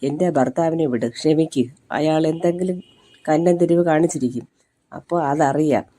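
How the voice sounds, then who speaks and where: A man's voice: a little high, moderate pace, warm tone, natural voice. A man voicing an anxious young wife who speaks earnestly and pleads. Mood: pleading.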